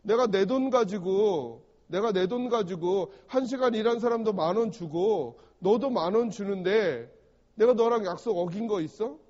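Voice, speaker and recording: A preacher voicing a brusque vineyard owner. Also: male voice, sits high, normal speed, a little mellow. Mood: indignant. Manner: brusque, talks down plainly. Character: vineyard owner, man, unbothered and firm. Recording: dull recording in a reverberant church hall.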